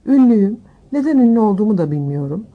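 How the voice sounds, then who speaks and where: A woman's voice: mid-range voice, big pitch swings, quick pace, phone-quality sound, voice pushed up. A woman voicing a shy, unsure young boy wizard who hesitates and stumbles over his words.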